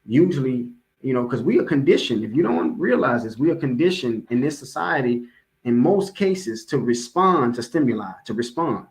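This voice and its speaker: Poor audio captures a male American preacher with a mid-range voice and lively intonation, speaking at a moderate pace. In an informal motivational address, he converses with listeners and emphatically repeats key phrases.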